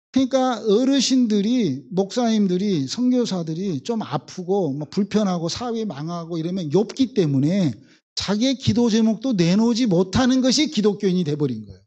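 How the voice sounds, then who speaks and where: A man's voice: high voice, sing-song, normal speed, a little mellow, muffled recording. A male pastor from the Jeolla region, preaching a sermon and acting out biblical voices with emphatic repetition. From Jeolla, South Korea.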